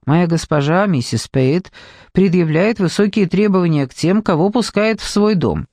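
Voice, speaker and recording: A man's voice: high-pitched, normal speed, a little mellow, no echo. A man voicing a stiff, disapproving butler who pleads in exasperation. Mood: pleading.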